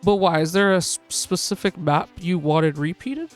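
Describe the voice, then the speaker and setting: A woman hosting a live gaming stream, excitedly calling a race like a sportscaster for her viewers. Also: lowish voice, moderate pace, faint music behind. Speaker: livestream host.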